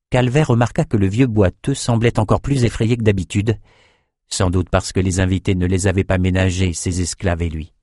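Low-voiced man reading a dark fantasy novel. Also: no room sound, studio quality. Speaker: audiobook narrator. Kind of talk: scripted narration.

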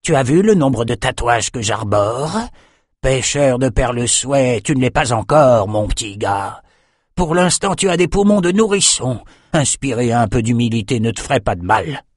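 A man's voice: mid-range voice, lively intonation, moderate pace, dry recording, clean studio sound, close to an everyday voice. A man voicing a boastful male dive master who barks orders at his divers. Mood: commanding. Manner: commanding, bellowing orders.

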